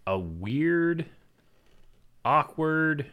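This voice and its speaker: A man's voice: a little high, sing-song, very slow, muffled recording. A man in his thirties, a podcast co-host, telling playful stories in casual chat. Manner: playful, jokey storyteller.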